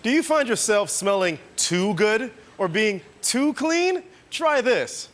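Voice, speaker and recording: A man playing a pushy commercial pitchman with an exaggerated hard-sell delivery in improvised comedy. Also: very animated, slow, heavily acted. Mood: mock-earnest selling. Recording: loud audience noise, live studio show.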